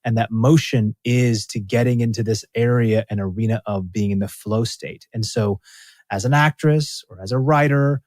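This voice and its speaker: A man's voice: medium pitch, normal speed, darkish tone, no echo. A man talks as a guest on a podcast, earnest and motivational, pressing his points with emphasis and frequent restarts. His voice sits in an ordinary middle range. The sound is dry and close, with no room around it. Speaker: podcast guest, former racing athlete. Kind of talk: casual interview conversation.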